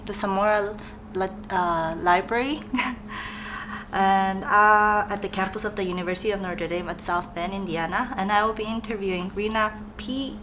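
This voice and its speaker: A woman's voice: mid-range voice, a little hiss or hum, rough recording. A young woman interviewing a guest, asking polite questions for an oral history project in a conference room. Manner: polite, with soft laughs.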